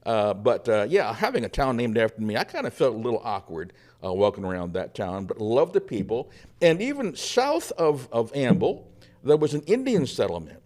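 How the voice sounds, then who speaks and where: A man's voice: mid-range voice, big pitch swings, moderate pace, darkish tone, lightly acted. A man playing a humble, cheerful Norwegian immigrant pastor from the 1800s, telling his life story folksily in the first person with plenty of fillers. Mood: amused recounting. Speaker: guest, historical reenactor. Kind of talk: first-person historical character portrayal.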